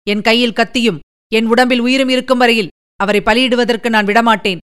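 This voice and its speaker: A woman's voice: fairly high pitch, steady tone, brisk, fairly bright tone, clean tone, close to an everyday voice. A woman voicing a brave young warrior prince in a storybook reading, speaking earnestly and defiantly.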